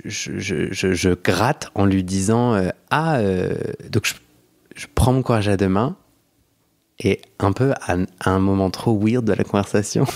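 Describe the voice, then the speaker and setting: A young man hosting a podcast, telling a story in a chatty way, laughing often and restarting his sentences. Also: fairly low pitch. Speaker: podcast host. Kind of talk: casual storytelling chat.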